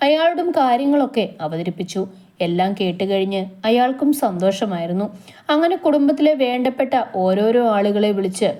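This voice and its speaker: A woman reads a romance story aloud as a storyteller. Her narration is steady and even. Her voice is mellow and warm. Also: mid-range voice, fairly quick.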